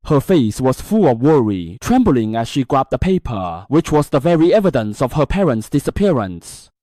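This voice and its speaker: A man's voice: medium pitch, very animated, moderate pace, warm tone, dry recording. A man narrating a comic-style story recap in a scripted storytelling style.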